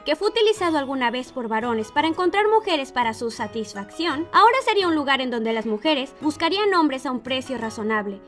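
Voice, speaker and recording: A woman's voice: sits high, fairly bright tone. A woman narrating an anime review, explaining history and giving her opinions.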